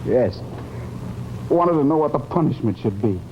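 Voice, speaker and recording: A man's voice: medium pitch, lively intonation, moderate pace, natural voice. An actor playing a haunted, guilt-ridden man confessing his fear of death, intense and brooding in the manner of 1950s television drama. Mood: bitter self-accusation. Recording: muffled, noisy old television soundtrack.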